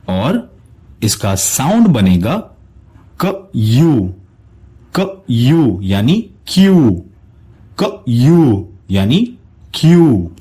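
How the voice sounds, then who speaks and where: A man teaching English pronunciation to viewers in a recorded lesson, slowly sounding out each word and encouraging them to keep practicing. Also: medium pitch, darkish tone, breathy edge. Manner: encouraging, addresses viewers directly.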